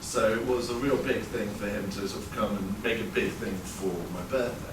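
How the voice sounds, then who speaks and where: A man in his thirties from England tells a personal story to a live audience in a conversational, wry way, using plenty of fillers. His voice sits on the low side with a steady tone and a moderate pace. The roomy live recording of the performance venue has a distant mic and background noise.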